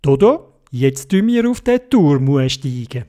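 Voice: medium pitch, very animated, slow pace, mellow. Narrator doing brave cheerful Theobald. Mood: plucky. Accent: Swiss German. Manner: plucky, encouraging.

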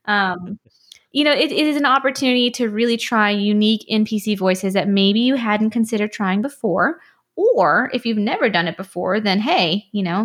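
A woman's voice: mid-range voice, fairly bright tone. A woman co-hosting a podcast about tabletop games, talking casually and filling her sentences with "like" and "you know". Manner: chatty, lots of "like" and "you know". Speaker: podcast co-host.

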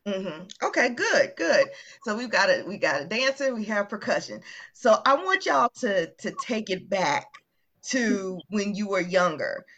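A woman's voice: mid-range voice, big pitch swings, a little slow, a bit bright. A woman from Virginia hosting a podcast, chatting casually and asking friendly questions. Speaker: podcast host. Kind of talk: casual interview chat. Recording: dull lo-fi audio.

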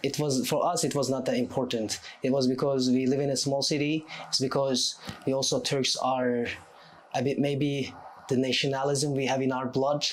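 This man is a podcast guest in his twenties from Turkey, answering in English with a Turkish accent and a conversational style. He speaks at normal speed with a medium pitch and flat delivery.

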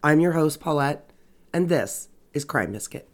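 She hosts a true crime podcast, her voice sitting low with lively intonation and a slightly slow pace. Stuffy-nosed and scratchy, she narrates in a relaxed way peppered with wry sarcasm.

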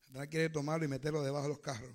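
A man preaching a fervent sermon, swinging from hushed to loud. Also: fairly high pitch, level tone, rapid-fire.

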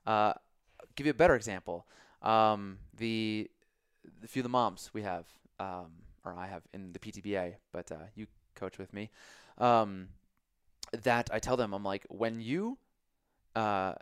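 Smooth-voiced man chatting on a podcast. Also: a little slow, no room sound, clean studio sound. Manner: animated storyteller, jumps into high voices for quotes. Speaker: podcast co-host; coach. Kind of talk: casual podcast conversation.

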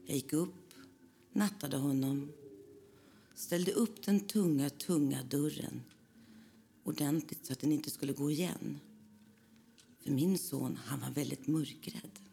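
A woman tells a spooky first-person ghost story in a low, gravelly voice. She keeps it hushed and often drops into whispers. Her tone is dark and mellow. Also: pauses often, a little hiss or hum.

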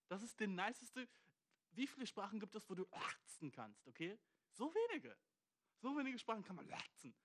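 Slangy young man ranting. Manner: slangy, loose, full of 'Dude' and 'weißt du'; animated, jumps into high pitch for emphasis. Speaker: comedian. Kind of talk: comedy rant monologue.

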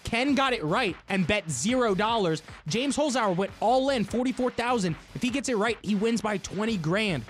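A man's voice: high-pitched, animated, normal speed, hardly any pauses, a bit bright, slight background noise. A man hosting a casual sports and pop culture show, playful and teasing as he leads segments.

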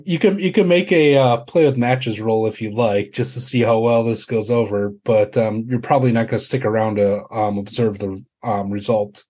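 A man improvising horror narration as a tabletop game master, halting as he searches for words. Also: lowish voice, darkish tone, slightly rough.

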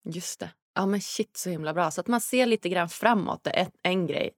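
A woman's voice: fairly low pitch, no room sound, clean studio sound. A woman hosting a podcast conversation who agrees readily and asks her guest questions. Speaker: podcast host.

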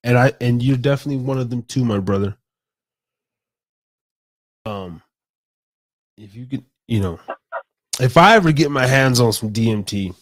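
A young man hosting a casual late-night podcast, rambling and excitable, swearing freely and calling his guest bro. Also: mid-range voice. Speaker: podcast host.

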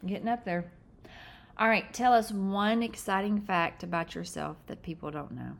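A woman's voice: medium pitch, normal speed, creaky. Playful woman with a Southern accent. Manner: playful, animated, teasing questions. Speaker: podcast host interviewer. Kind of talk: casual podcast interview.

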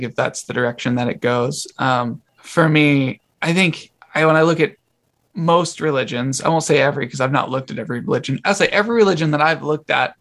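A man's voice: mid-range voice, fairly bright tone. A man speaking as a podcast guest in a casual conversation, reflective and searching for his words.

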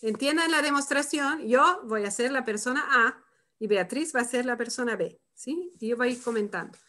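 A woman leading a live workshop, who talks calmly and reflectively and tags her phrases with "¿no?". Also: on the high side, normal speed. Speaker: workshop facilitator. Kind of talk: live online workshop demonstration.

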